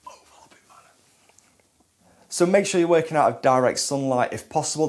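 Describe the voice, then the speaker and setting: A man's voice: medium pitch, darkish tone. A man in his thirties presenting a scripted tutorial to camera, flubbing and restarting his lines as in outtakes. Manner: flubs and restarts lines, repeating takes. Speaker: presenter of car detailing tutorials.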